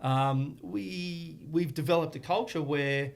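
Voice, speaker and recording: A man's voice: on the high side, slow pace, gravelly. A man, a martial arts academy owner and guest on a podcast, speaking earnestly in long flowing explanations. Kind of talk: casual podcast interview.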